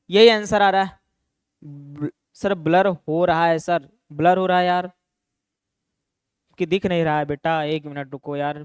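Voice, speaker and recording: With a voice that sits high and a clean tone, a young man talks rapidly through an online maths lesson for exam prep. He keeps calling students "beta" and "bhaiya" and answers the questions he asks. The recording is studio quality, with no echo.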